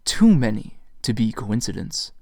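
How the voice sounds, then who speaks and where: A man narrating his own fantasy novel in a measured storytelling voice, recorded on a desktop mic. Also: lowish voice, very animated, darkish tone, no echo, studio quality. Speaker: author and narrator. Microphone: USB desktop mic.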